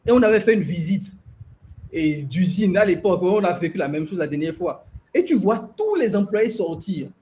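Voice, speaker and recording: A man's voice: sits high, very animated, moderate pace, mellow, slight background noise. A man talking animatedly in a group discussion, telling stories with many restarts. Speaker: host. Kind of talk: enthusiastic discussion.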